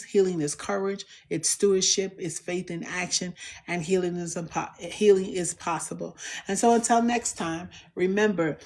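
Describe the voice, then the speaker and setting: A host of a faith channel giving a devotional message of encouragement, speaking directly to the listener in a measured, repetitive, affirming cadence. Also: mid-range voice, darkish tone.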